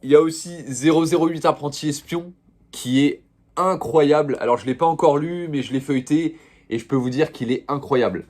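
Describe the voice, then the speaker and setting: A man's voice: fairly high pitch, moderate pace, a little mellow. A young man showing off his manga purchases in a casual, slangy, rambling chat full of fillers. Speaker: manga vlogger.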